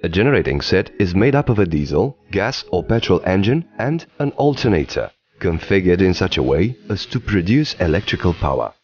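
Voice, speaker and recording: A man giving scripted documentary narration in an even, explanatory delivery, recorded as a studio voice-over. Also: low-pitched, a little fast, hardly any pauses, lo-fi sound.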